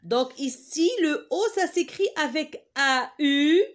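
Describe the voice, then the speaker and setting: A woman giving a child a home reading lesson, speaking slowly and clearly with patient encouragement. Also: sits high. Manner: slow, carefully enunciated, encouraging.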